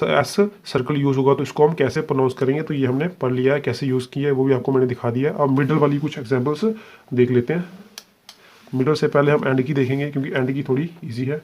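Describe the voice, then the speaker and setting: A man teaching a shorthand lesson step by step, patiently spelling out each sound and checking understanding. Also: mid-range voice. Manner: patient, repeats "ठीक है" and spells sounds out slowly.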